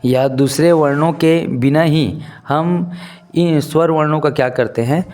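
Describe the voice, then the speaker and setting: A male teacher giving a lesson, who asks his students questions, answers them himself and repeats key terms slowly. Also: a little high, a little mellow. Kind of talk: classroom-style lesson.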